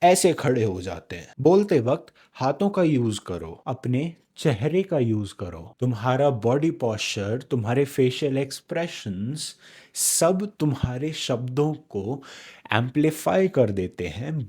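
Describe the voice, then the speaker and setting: बेबाक, गाली देने वाला हिंदुस्तानी आदमी. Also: male voice, mid-range voice, expressive, slow pace, mellow, slightly rough. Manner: blunt, profane, mixes Hindi and English. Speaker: self-help video host. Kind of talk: casual motivational talk to camera.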